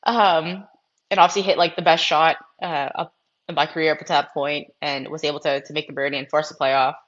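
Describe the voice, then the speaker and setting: Low-voiced chatty young woman golfer. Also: fairly even intonation, brisk, a bit bright, highs cut off. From Massachusetts, US. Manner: chatty, frequent fillers like "like" and "um". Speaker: podcast guest, professional golfer. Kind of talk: casual storytelling interview.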